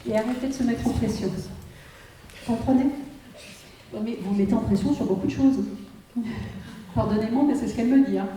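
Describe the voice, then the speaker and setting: A woman's voice: on the high side, moderate pace, pauses often, dark tone, recorded from a distance, a little hiss or hum. A woman medium giving a live reading to an audience, checking in constantly with "hein" and "vous comprenez". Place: conference hall before an audience. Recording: roomy hall, voice from afar.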